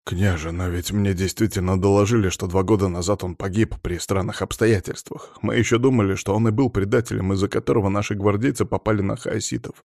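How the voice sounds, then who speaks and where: A man's voice: lowish voice, steady tone, a little fast, hardly any pauses, a little mellow, dry recording, studio quality, natural voice. A man voicing a nervous, spineless middle-aged male nobleman who mumbles defensively. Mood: defensive pleading.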